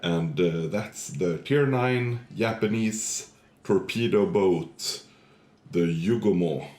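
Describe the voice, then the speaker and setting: A man with a muffled voice, congested from a cold, giving halting gameplay tutorial commentary as host of a gaming channel. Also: sits low, a little mellow, roomy sound.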